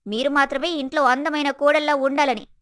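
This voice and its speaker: A woman voicing a spoiled, haughty young college woman who whines and scolds, in an animated story. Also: fairly quick, no room sound, clean studio sound. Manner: whiny, shrill, haughty.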